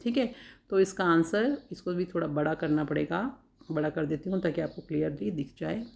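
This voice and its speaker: A woman teacher giving an exam-prep lesson. She sounds out words one by one, repeats them, and reads questions out very slowly. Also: low voice, creaky, darkish tone.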